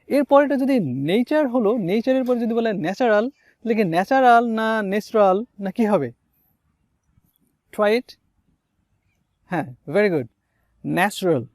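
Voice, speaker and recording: A man's voice: sits high, darkish tone, dry recording, studio quality. A man teaching English pronunciation outdoors beside a garden, coaxing viewers and drilling words by repetition. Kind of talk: pronunciation lesson.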